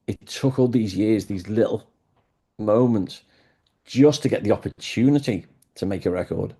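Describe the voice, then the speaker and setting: A man's voice: fairly low pitch, moderate pace, warm tone, breathy edge. A man who is a guest in an interview, telling stories with enthusiasm. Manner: enthusiastic storyteller. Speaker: guest, music historian. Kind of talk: conversational interview.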